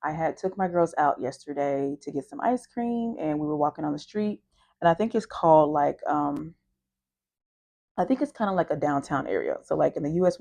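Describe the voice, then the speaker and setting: Low, mellow-voiced woman vlogger. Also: vocal fry. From United States. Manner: chatty, lively storytelling with acted-out quotes. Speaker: travel vlogger. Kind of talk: casual chat to camera.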